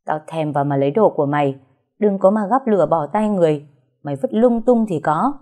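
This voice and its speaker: A woman voicing an arrogant, scheming young woman in an audio story, who accuses and shouts. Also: deep voice, expressive, a little fast. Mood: furious accusing.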